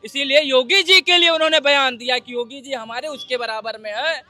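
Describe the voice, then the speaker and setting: A man's voice: extremely high pitch, fairly quick, sharp tone, dry recording. A male reporter interviewing people, nodding along with short affirmations and prodding with pointed questions. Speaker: street reporter. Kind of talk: street interview.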